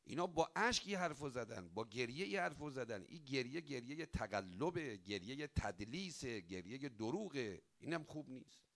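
Man preaching, gravelly voice, lively pitch swings, dramatic loud-soft shifts, chanted prayer lines. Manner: dramatic rise and fall, swelling loud then dropping soft; chants quoted prayers with drawn-out emphasis. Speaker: cleric. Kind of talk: sermon.

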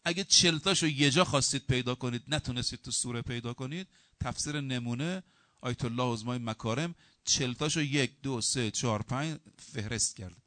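A middle-aged male cleric delivering a sermon with a forceful, bright-edged voice. He stresses key words loudly, then drops into quieter asides, and weaves humorous anecdotes into his preaching. The sound is dry and close. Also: medium pitch, dry recording. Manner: lively storytelling with humor, acting out quoted dialogue; emphatic preaching that shifts between loud stress and quieter asides.

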